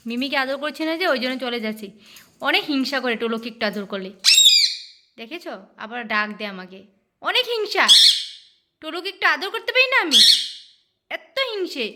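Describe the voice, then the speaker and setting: A woman vlogger talking in a coaxing, babying tone to her pet parrots. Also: high-pitched. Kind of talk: casual chat. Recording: loud background noise. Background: parrot squawks.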